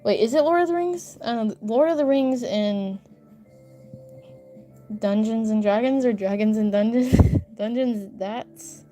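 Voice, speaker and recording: Her voice sits a little high and sounds mellow, and she talks a little slowly over faint background music. A young livestreaming artist, she's at home in her upstairs bedroom, chatting loosely, giggling and wandering off-topic as she reads the comments.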